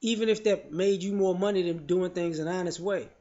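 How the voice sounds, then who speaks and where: A man's voice: high voice, fairly quick, dark tone. A man giving his opinions in casual spoken commentary, frank and loose, often saying "you know" and restarting his sentences. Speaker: vlogger sharing opinions. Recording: dull lo-fi audio.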